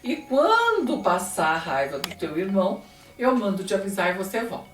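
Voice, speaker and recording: A woman's voice: mid-range voice, huge pitch swings, moderate pace, reverberant, distant mic, soft background music. A woman voicing a worried, protective mother who urges her son to flee. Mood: urgent.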